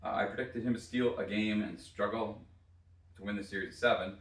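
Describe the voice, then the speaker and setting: A hungover man hosting a casual sports podcast solo, talking in a halting, hesitant way. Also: on the low side, steady tone, a bit bright. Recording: roomy echo, distant from mic.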